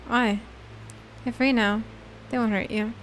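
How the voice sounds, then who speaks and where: A woman voicing a flat, puzzled young killer. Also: on the high side, a little slow, a little hiss or hum, natural voice. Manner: flat, puzzled, matter-of-fact. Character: detached young man who killed his captors.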